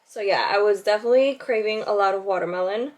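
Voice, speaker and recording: A woman's voice: medium pitch, fast talker, darkish tone. A woman in her thirties chatting casually to camera as a vlogger, laughing often and filling gaps with ums while she does her makeup. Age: 30s. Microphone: camera with side viewfinder.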